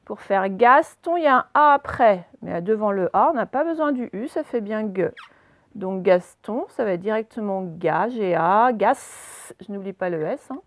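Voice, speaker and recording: A woman's voice: medium pitch, animated, unhurried, dry recording. A woman teacher giving a spelling dictation to young pupils, carefully sounding out each letter and syllable. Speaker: primary school teacher. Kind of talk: dictation lesson for children.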